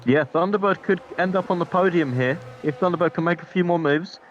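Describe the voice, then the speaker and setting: A man's voice: high-pitched, brisk, muffled recording, a little hiss or hum. A man co-commentating on motorsport, giving casual, opinionated analysis and conversational reactions to the race.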